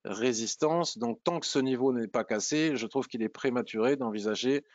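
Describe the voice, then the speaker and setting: A man's voice: medium pitch, moderate pace, no echo, highs cut off. A man walking through stock charts in a screen-share tutorial, thinking aloud with frequent hesitations and restarts. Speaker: trading analysis presenter.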